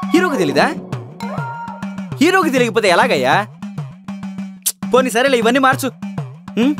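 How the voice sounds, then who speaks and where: An actor playing a pompous middle-aged film director who scolds in a sing-song, mocking way. His pitch swings widely as he sneers at the dialogue. Music runs under the scene. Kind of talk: comedy short film acting.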